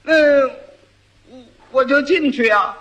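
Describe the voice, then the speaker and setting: A man's voice: very high-pitched, slow, pushed and bright, muffled recording, voice pushed up, full character voice. A man voicing a simple-minded young husband who stammers and giggles. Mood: stammering, giggly.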